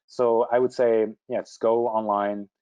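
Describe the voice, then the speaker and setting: A man presenting a live webinar, answering viewer questions quickly and informally, with frequent fillers and restarts. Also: medium pitch, flat delivery, warm tone, highs cut off.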